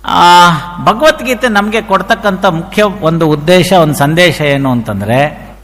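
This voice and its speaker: A man's voice: sits high, unhurried, a bit bright, long reverb tail. A man giving an explanatory talk on scripture, citing chapters and verses. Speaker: speaker on scripture. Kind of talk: lecture.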